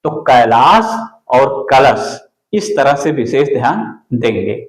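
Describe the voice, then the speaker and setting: A man teaching an exam-prep spelling lesson, going slowly and repeating each word. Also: mid-range voice, expressive, roomy sound, low-quality recording. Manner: slow, deliberate, repeats words for the student.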